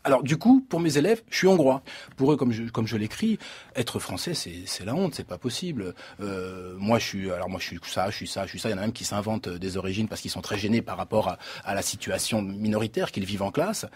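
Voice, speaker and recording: Husky, halting male teacher. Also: on the low side, animated, a little mellow, dry recording. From France. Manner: halting, repeats words. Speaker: teacher and author. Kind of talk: interview answers.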